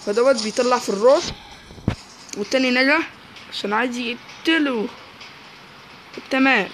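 A man with an Egyptian Arabic accent giving excitable live gameplay commentary, repeating words in quick bursts. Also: very high-pitched, slight background noise, low-quality recording. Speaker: gaming YouTuber.

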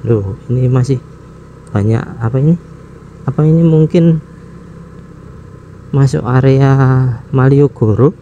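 This clip has a muffled recording of a man with a medium-pitched, dark voice, a motovlog host chatting casually as he rides his motorcycle in city traffic. Unhurried and chuckling, he wonders aloud where to head next, with traffic and engine noise in the background.

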